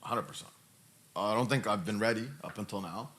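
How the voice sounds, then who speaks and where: A man in his thirties talks fairly quickly in a lowish, slightly bright voice while answering questions on his podcast. His casual delivery is emphatic, with frequent repetition.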